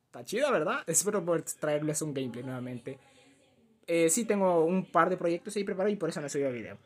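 Reacting to a video for his gaming channel, a young man with a Latin American accent talks fast in a fairly high, darkish voice with lively intonation. He's in a small room at home with music in the background, his slangy remarks casual and playfully dramatic.

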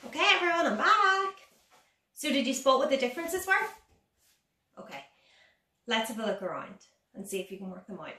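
Sunday school lady talking to kids, super lively intonation, echoey room at home. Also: a little high, a little fast, long pauses. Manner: addresses children directly, simple explaining with questions. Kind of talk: children's lesson and storytelling. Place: dining room at home, indoors. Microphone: camera a couple of metres away. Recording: roomy, distant phone-camera recording.

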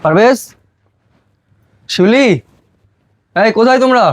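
A man playing a frantic village father, very high voice. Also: takes it slowly, no echo. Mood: worried. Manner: shouting, accusing, pleading. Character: distraught village father, home after long away. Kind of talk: amateur short film drama.

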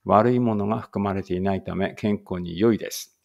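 A man runs a relaxed read-aloud English lesson, chatting and correcting himself as he goes, then slowing right down for the English lines. His voice sits low with a gravelly edge. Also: dull audio. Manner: chatty, self-correcting, reads English slowly. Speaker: English teacher.

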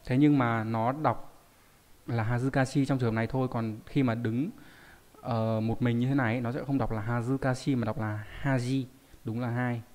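A man's voice: medium pitch, fairly even intonation, moderate pace, a little mellow. A man teaching a live online lesson, reading out viewer names and explaining word readings with frequent rhetorical questions. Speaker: Japanese teacher.

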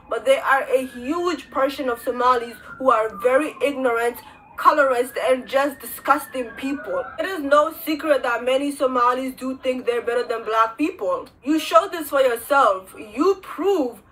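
Bright, high-voiced young woman vlogger. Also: a little slow, a little hiss or hum, low-quality recording. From Kenya. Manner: earnest, frank, storytelling. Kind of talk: direct-to-camera commentary. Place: indoors, small room.

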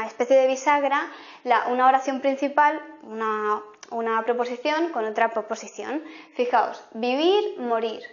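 A woman teacher explaining grammar in a lesson, repeating example sentences slowly to make each point. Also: a little high, dull audio. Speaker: language teacher.

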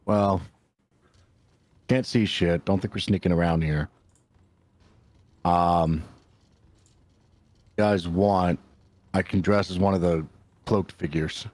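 A man's voice: sits low, fairly even intonation, takes it slowly, long pauses, darkish tone, dry recording. A man playing a tabletop game, talking casually and swearing freely. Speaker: player.

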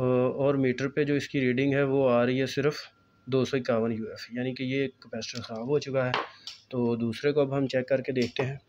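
A man, calmly explaining a step-by-step electronics repair at a workbench, recorded on a phone filming his hands. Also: medium pitch, lo-fi sound, slight background noise. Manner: calm, explanatory, pointing things out. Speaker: repair technician.

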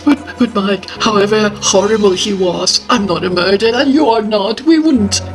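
A woman playing a fretful grieving mother, emotional and prone to shrill outbursts, over background music. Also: normal speed, lightly acted. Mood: distressed. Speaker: improv actor.

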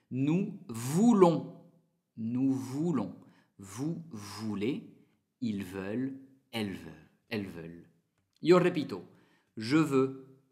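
Slow, patient male teacher. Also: medium pitch. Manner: slow, deliberate, repeats words for practice. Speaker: French teacher. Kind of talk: slow lesson with repeated conjugation drills.

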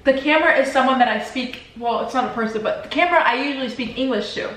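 A teenage vlogger whose first language is Spanish sits on a leather couch in her living room, eating while doing a casual Q&A. She rambles quickly with lots of "like," her voice high and fairly bright. The camera across the room picks her up from a distance in a very echoey space.

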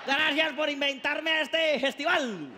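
A man voicing a boisterous rural Colombian cousin with a Colombian accent, loud and boastful, in a reverberant hall. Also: very high voice, slow pace, voice pushed up, heavily acted. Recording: reverberant hall, faint noise.

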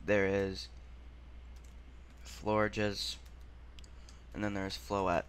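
A man hosting a gaming channel, thinking aloud through a quiz in a muttering, halting way and sounding out words as he goes. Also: lowish voice, monotone, a little hiss or hum.

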